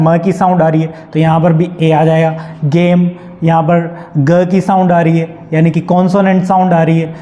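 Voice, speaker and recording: High, mellow-voiced Hindi-accented teacher. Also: male voice. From India. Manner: asks questions to the class and answers them himself. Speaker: English teacher. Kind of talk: classroom lesson explaining grammar.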